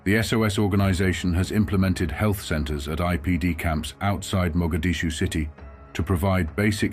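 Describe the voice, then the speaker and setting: A man reading a documentary voice-over in a measured, formal way. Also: low voice, darkish tone. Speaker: documentary narrator. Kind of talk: scripted voice-over narration.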